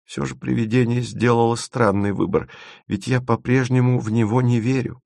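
A man reading an audiobook, voicing a dreamy, stubborn young woman who speaks softly and a little painfully. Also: mid-range voice, fairly even intonation, normal speed, vocal fry, no echo, clean studio sound, pitched above the performer's own voice. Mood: wistful. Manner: soft, pained and wistful.

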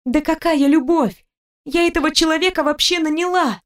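A frightened young wife, her voice jumping high and shrill as she insists, voiced by a woman narrator. Every word comes out urgent and pleading. A storybook heroine caught in a panic. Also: moderate pace, natural voice. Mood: insistent.

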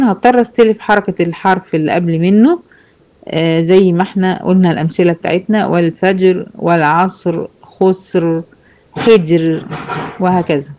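A woman with an Egyptian accent teaching a Quran recitation lesson to girls. She explains the rules slowly, repeats examples and checks that her students follow. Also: on the low side, a little mellow, muffled recording. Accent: Egyptian Arabic. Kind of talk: online tajweed lesson.

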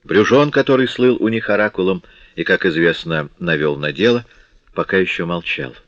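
A man with a very deep voice reads a classic novel aloud in a measured, dramatic way. The sound is dry and close, with a dull, lo-fi tone. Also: a bit bright, no echo. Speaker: audiobook narrator. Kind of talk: scripted audiobook narration. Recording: dull dry lo-fi audiobook recording.

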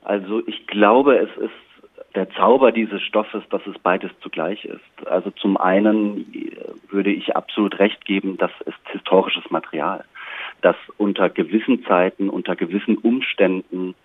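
A playwright and director, appearing as an interview guest, speaks in a deep male voice with fairly even intonation at a normal pace. He gives reflective, articulate answers and picks his words with care. The line sounds tinny and narrow, like a phone, with no room sound.

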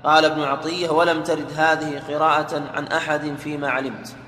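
A man reads a classical text aloud in a steady, formal recitation. His voice is bright and slightly high, with very little rise and fall. The sound is roomy, like a hall with long reverb. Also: brisk. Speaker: student reading the text aloud. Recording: echoey hall with faint noise.

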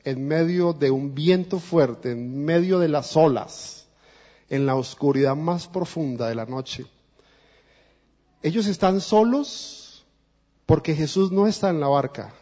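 Speaking slowly, with a somewhat high but dark-toned voice, this Colombian-accented guest preacher delivers a sermon straight to the congregation with real earnestness. The church echoes around him in a dull, lo-fi recording.

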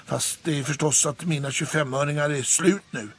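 A man voicing a timid, meek tailless male cat who speaks softly in a children's story. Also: fairly high pitch, steady tone, breathy edge. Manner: meek and soft-spoken.

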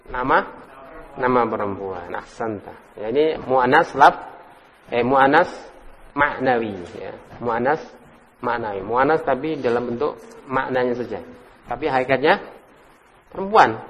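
In an echoing room, a man teaching an Arabic class as an Islamic instructor drills his students during an interactive lesson. His mid-range voice is slightly bright, and the recording has its high frequencies cut off. He quizzes pupils by name, commends their responses, and says the drill words slowly and repeatedly.

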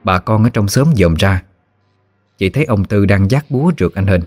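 A man with a Southern Vietnamese accent narrating a scripted horror story in a steady, measured way. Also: lowish voice, no room sound, faint music behind.

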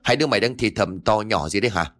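A man voicing a stout, hot-tempered middle-aged village woman, scolding loudly and fast. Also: on the low side, faint music behind, close to an everyday voice.

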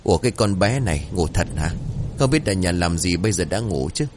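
A man's voice: low-pitched, lively intonation, brisk, a little hiss or hum. A man doing an old father, frightened. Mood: worried. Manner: anxious calling out. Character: frightened old father searching dark house.

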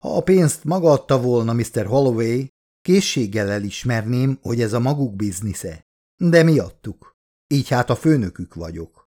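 A man's voice: medium pitch, big pitch swings, mellow. A man reading the lines of a haughty, wealthy woman who runs an expedition, in a cool, superior, clipped manner. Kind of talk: audiobook character reading.

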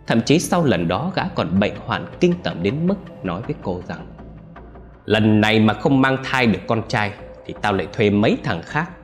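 A man narrating a story in a solemn, scripted storytelling manner. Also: fairly low pitch. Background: faint music.

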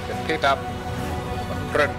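Slow male announcer over loud music. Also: medium pitch. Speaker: podcast intro announcer. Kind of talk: scripted intro announcement.

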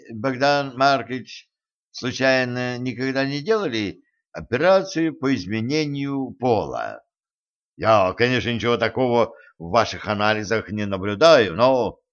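A man voicing a calm, tactful male doctor who speaks in a slow, measured, hesitant way, in a dull lo-fi recording. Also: medium pitch.

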